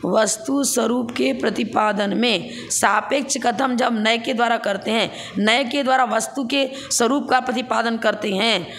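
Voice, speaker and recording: A woman's voice: fairly high pitch, steady tone, measured pace, few pauses, fairly bright tone. A woman teaching a scripture class. She explains each point step by step, poses rhetorical questions and chuckles as she recites.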